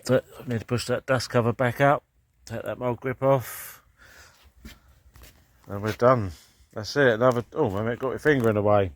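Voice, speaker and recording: With slight background noise, this British man speaks at medium pitch and a moderate pace, leaving long pauses. Hosting a DIY car-repair vlog, he rambles matter-of-factly, thinking aloud and commenting on the repair work as he goes.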